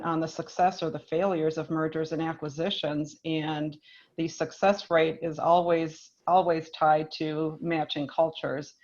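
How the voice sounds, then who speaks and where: A woman from Minnesota, a business leader speaking on a panel in a measured, thoughtful way with frequent restarts. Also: sits low, dull audio. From Minnesota, United States. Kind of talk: panel discussion.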